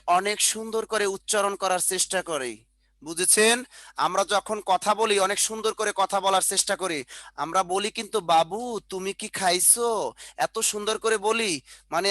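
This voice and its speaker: A man's voice: sits high, bright, forceful tone, dry recording. A man teaching an online class over a video call, dictating notes, repeating points, with colloquial joking asides. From Bangladesh.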